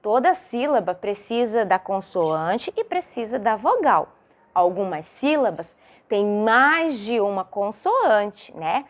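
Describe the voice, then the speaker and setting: A woman's voice: medium pitch, sing-song. A woman primary school teacher with a Brazilian Portuguese accent, giving a recorded video lesson for young children and drawing out syllables in a sing-song way. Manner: slow, sing-song, drawn-out syllables with many rhetorical questions.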